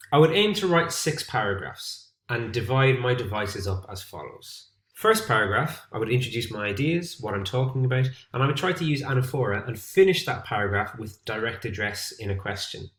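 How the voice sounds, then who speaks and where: A man with an Irish accent, an English teacher giving a clear, steady, scripted lesson to camera. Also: mid-range voice. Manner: clear, steady explanatory delivery. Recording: roomy echo.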